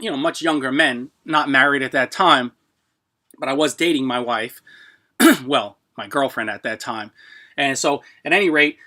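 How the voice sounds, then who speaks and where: A middle-aged man hosting a live stream, chatting casually and haltingly to viewers, often clearing his throat. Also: a little high, bright, forceful tone. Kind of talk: casual rambling chat to viewers.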